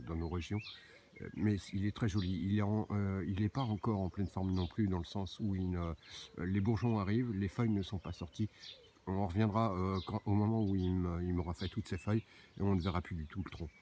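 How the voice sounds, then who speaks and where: A man's voice: sits low, steady tone, moderate pace, mellow, a little hiss or hum. A man giving a casual, hesitant walking tour of his own garden outdoors, with many fillers and restarts.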